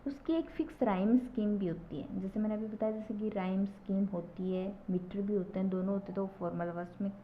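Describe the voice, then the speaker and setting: A woman teacher slowly explaining poetry to a class, repeating key terms and often checking "okay?". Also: mid-range voice. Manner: slow, repetitive explaining with frequent checks of "ठीक है". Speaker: English literature teacher. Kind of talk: classroom lecture. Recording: dull lo-fi recording with faint noise.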